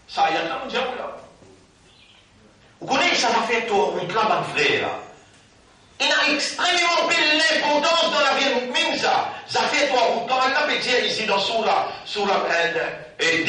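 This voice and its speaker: A man preaching a Ramadan sermon, swinging between loud declarations and quiet asides, recorded from far off in an echoing hall. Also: extremely high pitch.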